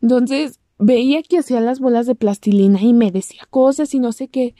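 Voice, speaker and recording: Young mexican woman rambling through a story, warm low-key tone, dry close sound. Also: a little fast, dry recording. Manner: chatty, acts out quoted lines in a squeaky voice. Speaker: vlogger. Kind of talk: personal storytelling.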